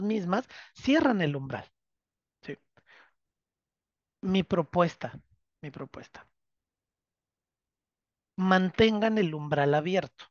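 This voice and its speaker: Lively lecturer, dull dry recording. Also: medium pitch, no echo. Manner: keeps checking understanding with tag questions; animated, dramatic storytelling. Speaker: literature teacher. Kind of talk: lecturing a course class.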